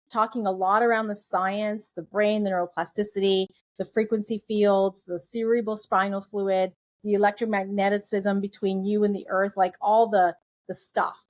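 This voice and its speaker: A woman guest on a podcast interview, earnestly telling a personal story and piling up phrases in emphatic lists. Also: medium pitch. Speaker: guest nutritionist.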